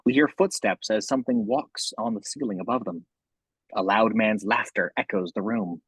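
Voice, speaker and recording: A man reads a horror script aloud, narrating every action in present tense with a husky voice that sits on the low side, at normal speed. The sound is dry and close-miked, with no room around him.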